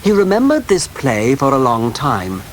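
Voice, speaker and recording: A man narrating an audiobook in a slow, careful reading style, heard from a worn cassette tape copy. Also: medium pitch, wildly swooping pitch. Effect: worn cassette tape copy with faint hiss.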